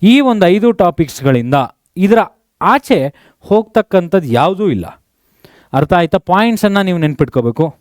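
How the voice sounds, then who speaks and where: A man teaches an exam revision lesson, firing quick questions at students and dropping English terms into his talk. His voice sits high and rings smooth and clear. It is recorded close and dry, with no room sound. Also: sing-song, dry recording. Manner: mixes English terms into speech.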